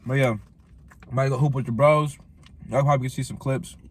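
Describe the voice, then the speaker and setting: A man's voice: mid-range voice, steady tone, fast, slight background noise. A man vlogging a food challenge in casual, slangy chat, laughing often.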